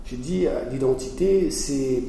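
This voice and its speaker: In a conversational interview, a Belgian essayist answers earnestly but haltingly, often starting his phrases over. His mid-range voice is creaky and mellow at a measured pace, captured from afar in an echoey hall with a little hiss or hum.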